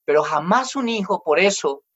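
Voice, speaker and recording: A man's voice: high voice, animated, moderate pace, a bit bright, husky. A man in his forties preaching a family sermon as pastor, emphatic, and he acts out children's complaints in quoted voices.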